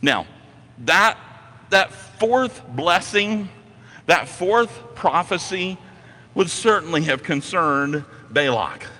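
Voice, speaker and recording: A man's voice: on the high side, lively intonation, slow, pushed and bright, in a large hall. A man preaching a sermon as a pastor, telling the story emphatically and repeating phrases for effect.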